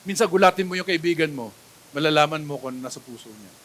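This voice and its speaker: A Filipino pastor preaching in a church, his voice high and bright. He keeps checking with the congregation, asking "di ba?" and "right?". He swings from loud exclamations to soft asides. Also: fast. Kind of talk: sermon, Taglish preaching. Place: church sanctuary.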